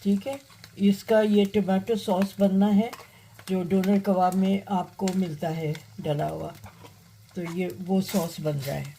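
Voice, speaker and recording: A woman hosting a cooking demonstration, talking unhurriedly while she cooks, with many pauses and fillers. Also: mid-range voice, steady tone, mellow, a little hiss or hum, low-quality recording. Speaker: cooking channel host.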